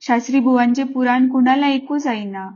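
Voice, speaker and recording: A woman narrating a classic storybook in a gentle, expressive reading voice. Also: high voice, normal speed. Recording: slightly muffled lo-fi.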